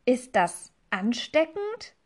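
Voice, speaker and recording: A woman voicing a young, hungry and curious rabbit with a squeaky voice, as in a read-aloud storybook. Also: big pitch swings, slow, full character voice.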